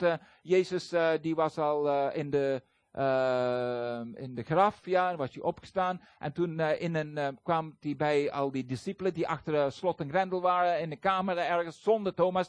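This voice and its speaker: A man's voice: high-pitched, no room sound. A man giving a sermon as a guest preacher, talking conversationally with hesitations and acting out the voices he quotes. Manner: animated storytelling, acts out quoted voices.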